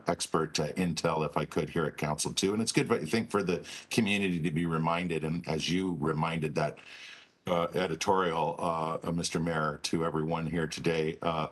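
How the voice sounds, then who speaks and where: A man's voice: very deep voice, fairly bright tone. A man serving as a city councillor who asks his question in a courteous, hesitant way, often repeating words. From Canada.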